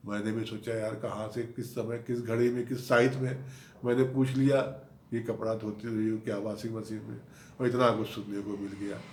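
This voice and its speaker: A man's voice: fairly low pitch, little pitch movement, normal speed, a little mellow, slight background noise. Exasperated storyteller man, echoey. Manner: mock-mournful, exasperated. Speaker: comic storyteller, channel host. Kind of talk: comic monologue told to camera.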